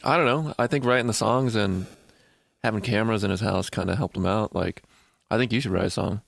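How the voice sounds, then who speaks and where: A man with a low, gravelly voice chats in a laid-back, crude way on a podcast. The sound is dry and close to the mic, with strong vocal fry. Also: a little fast, no room sound. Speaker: podcast co-host. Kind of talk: casual chat.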